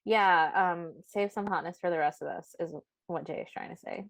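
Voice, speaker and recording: A woman's voice: on the low side, moderate pace, gravelly. A woman co-hosting a podcast, reacting in casual chat with blunt, profane commentary. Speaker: podcast co-host.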